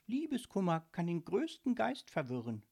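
A man voicing a brisk, caring young girl in a children's audiobook, talking in a raised voice. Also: high-pitched, huge pitch swings, creaky, darkish tone, husky, pitched above the performer's own voice, full character voice. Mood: wise.

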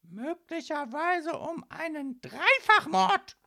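A woman voicing a tall young policewoman, shouting in a shrill, domineering way in a storybook reading. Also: very animated, slow pace, exaggerated voice. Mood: shrill bossy. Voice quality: shrill, barking.

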